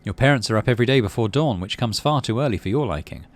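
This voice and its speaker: A gaming video host gives playthrough commentary, reading the story aloud and musing over his choices with game music playing. He talks at a quick pace in an expressive, mid-range male voice.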